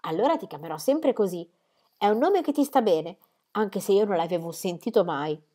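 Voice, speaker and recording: A woman reading aloud, voicing a gentle, thoughtful twelve-year-old girl who chats softly. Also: medium pitch, expressive, normal speed, close to an everyday voice. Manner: soft, thoughtful, chatty.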